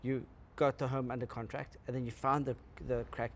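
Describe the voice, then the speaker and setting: A man's voice: mid-range voice, level tone, fairly quick, a little hiss or hum. A man hosting a casual podcast conversation, encouraging his guest with frequent short agreements. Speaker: podcast host.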